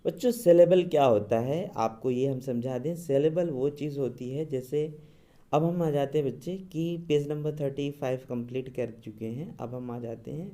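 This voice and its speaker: A man's voice: medium pitch, moderate pace, dark tone. A man teaching English grammar, patiently explaining and drawing out his English examples word by word. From India. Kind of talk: classroom grammar lesson.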